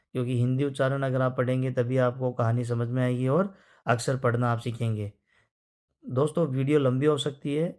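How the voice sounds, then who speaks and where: A man's voice: mid-range voice, darkish tone. A male teacher, patiently guiding learners through a reading lesson and explaining in Hindi. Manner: patient and encouraging. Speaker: English teacher.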